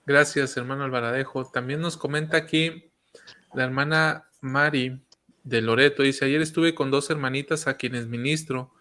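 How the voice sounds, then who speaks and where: Un hombre que modera un programa religioso, lee comentarios de los oyentes y da la palabra a los participantes. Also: male voice, medium pitch, steady tone, moderate pace, sharp tone. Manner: reads comments aloud, gives the floor to others. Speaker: discussion host. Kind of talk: moderating a church discussion.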